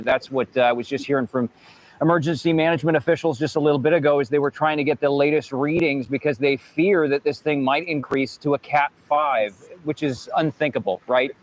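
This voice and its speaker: A man's voice: mid-range voice, slight background noise, poor audio. Man reporting live on a storm, emphatic. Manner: emphatic, conversational, punctuates with rhetorical "right?". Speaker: TV field reporter. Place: outdoors in wind and light rain.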